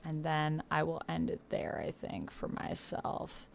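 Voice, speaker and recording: This low-pitched, gravelly woman speaks a little slowly as she streams a text-based RPG. She alternates between reading the story's narration out loud and casual chatter full of slangy, excited reactions.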